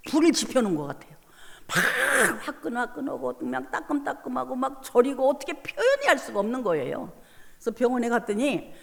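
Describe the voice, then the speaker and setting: A woman pastor gives a revival sermon in a high, lively voice that swings widely. She tells her testimony with emotional, animated force. Her words ring out with a long reverb in a church hall.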